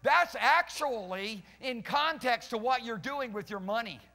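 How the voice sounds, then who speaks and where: A pastor in his fifties paces a church hall stage beside band gear, preaching fervently and emphatically to a live congregation through a headset mic. His voice sits very high, with lively intonation and an unhurried pace, and sounds gravelly yet sharp. Long reverb hangs in the hall.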